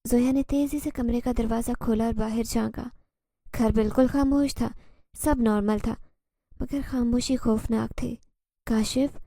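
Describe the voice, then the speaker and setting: A woman's voice: a little high, gravelly, warm tone, dry recording, clean studio sound. A woman storyteller giving a suspenseful, scripted narration of a horror story.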